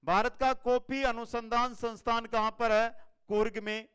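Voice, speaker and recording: A man with a Rajasthani Hindi accent, an online exam-prep teacher running a fast quiz-style lesson, energetic and repeating each answer for his viewers. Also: extremely high pitch, clean tone.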